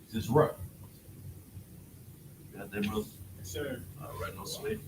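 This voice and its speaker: A man with a high, creaky, sing-song voice teaches the alphabet at a slow pace, keeping it casual and checking often that students get it. It was captured in an echoey room on a distant mic with slight noise.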